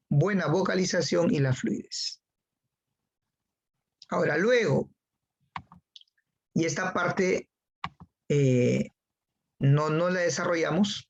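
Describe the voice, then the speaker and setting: A man's voice: fairly high pitch, gravelly, muffled recording. A man teaching a class, who repeats key phrases and calls on students by name. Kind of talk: online class lecture.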